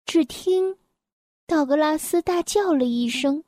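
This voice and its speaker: Bright-voiced woman reading a picture book. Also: sits high, no room sound, clean studio sound. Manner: gentle, clear, slow and expressive. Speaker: storyteller.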